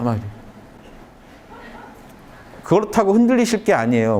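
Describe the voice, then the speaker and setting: A man lectures in a large conference room, leading his audience through a simple calming exercise. His pitch sits in the middle but moves a great deal, and sudden rises give it an animated feel. He repeats short phrases and stresses the key words. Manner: lively, emphatic delivery with sudden rises in pitch. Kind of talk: motivational humanities lecture.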